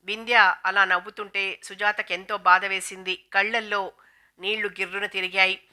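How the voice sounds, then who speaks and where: A woman reading a novel aloud as narrator, in a steady, even storytelling manner. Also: mid-range voice, moderate pace.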